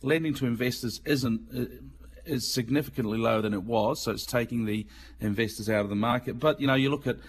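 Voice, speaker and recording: A middle-aged Mancunian man from England presents a chatty radio segment on business and markets, explaining things plainly as a financial commentator. He speaks at medium pitch and a fairly quick pace, with slight hiss or hum in the audio.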